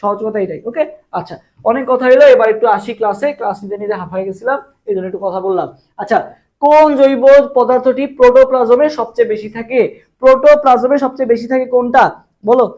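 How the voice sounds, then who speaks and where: A young Bangladeshi man runs a live exam-prep lesson, firing the same question again and again before giving the answer. His voice sits fairly high and the words come quickly. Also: darkish tone, dull audio. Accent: Bangladeshi Bengali. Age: young adult. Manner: fast, repetitive quizzing of viewers, drills answers with memory tricks. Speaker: admission exam tutor.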